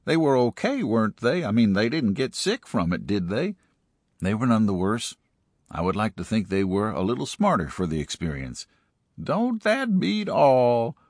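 A man voicing a folksy, amused rural man with a slow drawl. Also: on the low side, big pitch swings, darkish tone, no room sound, clean studio sound, voice pushed up.

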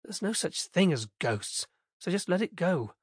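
A man's voice: sits high, sing-song, a little slow, breathy edge, dry recording, studio quality, voice pushed up, exaggerated voice. A man reading an audiobook, voicing a patient, tired middle-aged father who talks in a mild, coaxing way. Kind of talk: audiobook character voice.

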